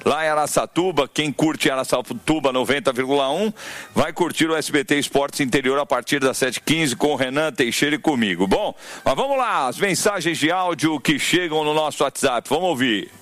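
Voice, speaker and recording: A man hosting live sports radio, briskly reading out listener messages and giving the time. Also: a little high, a bit bright, dry recording.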